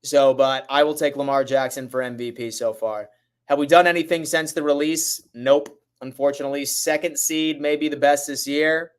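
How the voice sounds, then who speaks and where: A man hosting a casual sports livestream, talking to his viewers in a hurried, urgent way. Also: on the high side, steady tone, clean tone.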